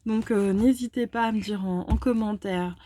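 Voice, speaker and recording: A woman's voice: mid-range voice, moderate pace, warm tone, slight background noise. A woman hosting a casual presentation of oracle card decks, chatty and hesitant with many fillers. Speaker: tarot and oracle card channel host.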